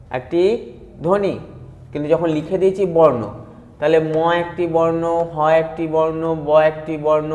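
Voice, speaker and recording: A man's voice: a little high, darkish tone. A man teaching a patient, step-by-step grammar lesson, spelling words out sound by sound and repeating key points. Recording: echoey room with long reverb.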